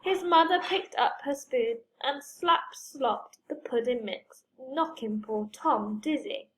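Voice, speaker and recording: A woman reading a children's story aloud, expressive and playful with sound words. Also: high-pitched, slow.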